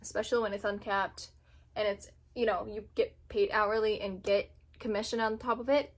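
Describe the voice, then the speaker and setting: A woman in her twenties from Indonesia, chatting casually to camera as a vlogger, animated and laughing often. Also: mid-range voice, moderate pace. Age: 20s.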